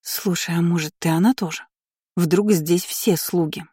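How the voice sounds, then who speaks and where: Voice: mid-range voice, fairly even intonation, measured pace, mellow, husky, no room sound, studio quality. A narrator voicing a curious, eager young noblewoman who gossips playfully with her friend. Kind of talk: audiobook character voice.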